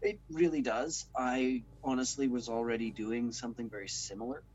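A man hosting a casual podcast about tabletop games, talking in a relaxed, rambling way and correcting himself as he goes. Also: medium pitch, normal speed, highs cut off, a little hiss or hum. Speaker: podcast host.

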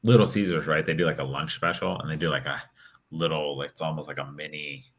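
This is casual podcast chatter from a young male co-host who rambles, restarts and leans on fillers. His pitch is extremely low and a bit bright, delivered fast with fairly even intonation.

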